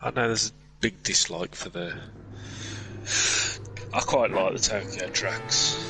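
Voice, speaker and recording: A man's voice: on the low side, slow, sharp tone, soft background music. A man chatting along as a co-commentator on an online race, making dry, teasing remarks. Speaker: co-commentator and fellow racer. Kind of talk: casual banter. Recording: noisy game audio behind voice.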